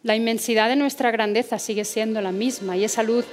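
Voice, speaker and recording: Psicóloga española seria y algo aguda. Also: female voice, on the high side, fairly even intonation, a little fast. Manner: earnest, rhetorical questions. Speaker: psychologist giving a talk. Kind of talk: motivational talk.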